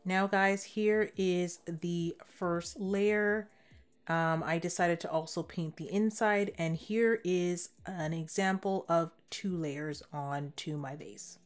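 A young woman talks through a home decor craft project step by step, in a relaxed, friendly voice-over. Her voice sits a little low for a woman. Soft music plays faintly under her. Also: takes it slowly. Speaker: DIY home decor creator.

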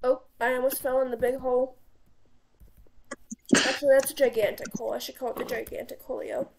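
A woman's voice: high voice, flat delivery, fairly quick, vocal fry. A woman chatting casually while playing a video game at home, joking at her own expense and swearing freely. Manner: swears freely, jokey, self-mocking. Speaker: gamer. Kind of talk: casual gaming chat. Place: home apartment. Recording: background noise with mouse clicks.

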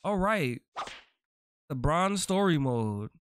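A man's voice: a little high, slow, a little hiss or hum. Laid-back slangy man playing a game. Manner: laid-back, slangy, swears freely, gets excited. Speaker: gaming YouTuber. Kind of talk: casual gameplay commentary.

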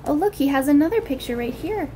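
Talking fast with lively intonation and a warm, high voice, a young woman reads a picture book aloud, describing the illustrations and asking simple, wondering questions for small kids. She's in a small room at home, and the recording has noticeable background noise.

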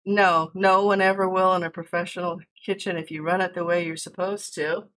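A woman's voice: fairly low pitch, fairly even intonation, brisk, a bit bright. An American woman hosting a casual cooking livestream from her home kitchen, chatting and explaining each step as she cooks. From United States. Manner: chatty, explains steps while cooking and answers chat. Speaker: cooking stream host.

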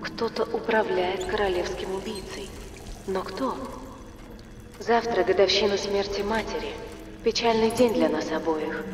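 A woman's voice: mid-range voice, a little slow, music in the background, natural voice. Echoing, solemn young empress played by a woman. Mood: solemn, reflective. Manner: solemn, reflective. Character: earnest young empress confiding in her father. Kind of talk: scripted video game voice acting. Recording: echoey hall, noisy background.

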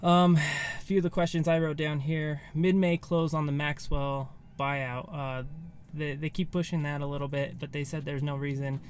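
This American man in his thirties, a vlogger, speaks a little high with a steady tone, moving at a moderate pace with hardly any pauses. He's recapping casually to camera from inside a car, thinking aloud in loose phrasing, and faint ambient noise sits behind him.

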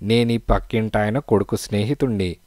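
A man's voice: on the low side, steady tone, normal speed, a little mellow, dry recording, studio quality, lightly acted. A man voicing a bold, cunning thief in a storybook, talking politely to cover himself. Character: cunning young male thief, quick and bold. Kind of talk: storybook narration.

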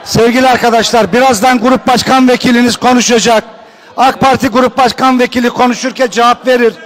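Man chairing a session, pleading for calm. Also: extremely high pitch, a little fast. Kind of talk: calling a meeting to order. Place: large council chamber indoors. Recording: council hall with crowd murmur.

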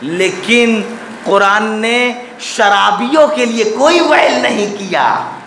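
A high-pitched male preacher with an Indian Urdu accent speaks slowly and brightly, his voice ringing through a reverberant mosque hall. He swings between quiet explanation and fervent shouted questions, with faint ambience in the background. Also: slight background noise. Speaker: Shia preacher. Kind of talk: Muharram majlis sermon. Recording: echoey hall with long reverb.

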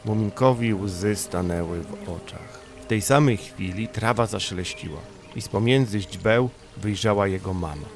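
Music runs clearly beneath this man as he narrates a bedtime story for an audiobook at a moderate pace, with hardly any pauses. He has a fairly low voice marked by a distinct creaky texture.

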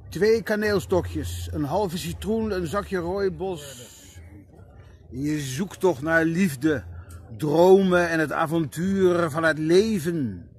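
Slow, measured male prose reader. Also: on the high side, a little hiss or hum. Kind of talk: reading a prose text aloud. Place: reading circle gathering.

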